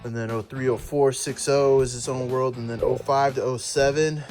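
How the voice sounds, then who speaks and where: With a steady, slightly mellow, mid-range voice at a moderate pace, a man vlogs a DIY truck repair, giving a slangy, casual how-to as he works. He chats with viewers like buddies, calling them "boys," while clear guitar music runs underneath.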